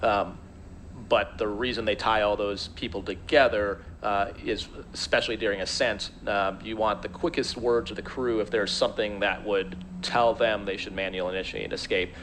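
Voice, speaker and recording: A man's voice: lowish voice, steady tone, normal speed, a bit bright. A man giving live expert commentary in a conversational, explanatory way. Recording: faint background noise.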